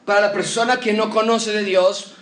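A man preaches an expository sermon with emphasis, throwing rhetorical questions at his listeners. His voice sits a little high for a man. He is heard from some distance in an echoey room. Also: fairly even intonation, moderate pace, a bit bright. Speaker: pastor.

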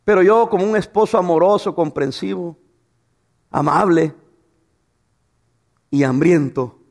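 A man's voice: high-pitched, measured pace. A man preaching a sermon, asking rhetorical questions and telling humorous stories about his wife. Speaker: pastor.

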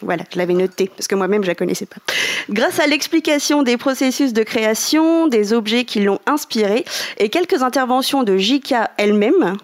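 A woman's voice: a little high, lively intonation, fairly quick. A woman co-hosting a casual podcast, reading fan news items in a playful way and now and then stumbling over words and apologizing.

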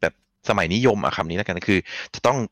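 A man's voice: low voice, quick pace, a bit bright, no echo, studio quality. A man co-hosting a podcast, chatting casually and rambling through his opinions. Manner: rambling, opinionated, laughs often. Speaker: podcast co-host. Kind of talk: casual chat.

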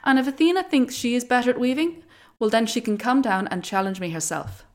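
A woman's voice: a little high, brisk, voice pushed up, natural voice. A woman with an Irish accent voicing a proud, defiant young weaver who speaks scornfully with a raised voice.

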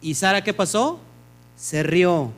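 A man leads a scripture study in a high voice. He keeps asking his listeners questions and answers them himself in a teacherly rhythm. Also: animated, takes it slowly. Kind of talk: Torah study teaching to a small group.

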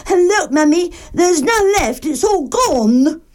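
Woman doing a whiny, high bear cub for a storybook; tearful little boy. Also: lively intonation, takes it slowly, a little mellow, exaggerated voice. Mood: whiny, upset. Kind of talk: storybook reading.

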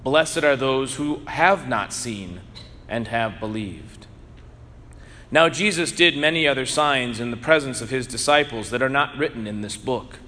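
A man preaching as a priest, reading the gospel slowly and then preaching earnestly, his voice ringing with cathedral echo in a large church. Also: mid-range voice, lively intonation, sharp tone. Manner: slow, measured reading that turns earnest and emphatic in preaching. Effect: cathedral echo, long church reverb. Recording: echoey church with long reverb.

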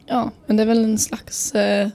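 A woman's voice: fairly high pitch, completely flat delivery, gravelly. A young woman in her twenties, a podcast co-host recovering from a cold, chatting casually with many hesitations. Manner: hesitant, many fillers, trails off softly. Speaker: podcast co-host, psychology student. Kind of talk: casual chat.

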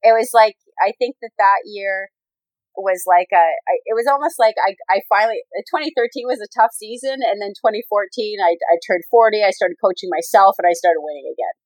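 A woman's voice: medium pitch, brisk, no echo, poor audio. A woman in her forties, a professional athlete and coach, talking casually in an interview, rambling with many fillers and restarts. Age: 40s.

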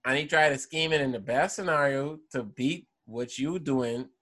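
A man's voice: mid-range voice, moderate pace, fairly bright tone. Opinionated man in casual sports debate. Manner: opinionated, slangy, repeats points for emphasis. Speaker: sports talk show host.

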